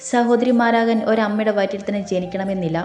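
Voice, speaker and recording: A woman's voice: medium pitch, fairly even intonation, fairly quick, darkish tone, roomy sound, a little hiss or hum, close to an everyday voice. A woman voicing a protective young man who speaks curtly and firmly, in an audio story. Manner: firm, curt. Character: young man, protective husband, controlled anger.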